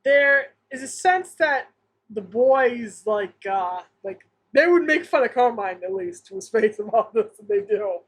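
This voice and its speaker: A woman's voice: on the high side, animated, a little slow, breathy edge. Laughing, enthusiastic woman podcast host. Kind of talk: casual chat.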